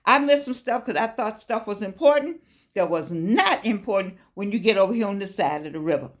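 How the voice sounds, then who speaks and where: A woman in her 80s, a life coach vlogger, gives a casual motivational talk to camera that's folksy and preachy, repeating phrases and calling listeners "baby." Her voice is medium-pitched, animated, and a little fast.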